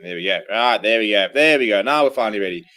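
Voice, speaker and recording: A man's voice: on the low side, expressive, fast, bright, forceful tone. Hungover man on a rugby livestream. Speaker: rugby watchalong streamer and commentator. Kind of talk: casual livestream chat and live sports commentary.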